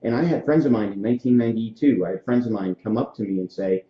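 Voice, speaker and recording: A man in his forties from Florida, with a lowish voice and a quick pace, hosts a casual podcast interview. He's friendly and tells stories, dropping in frequent fillers. The room is echoey and the sound dull and lo-fi.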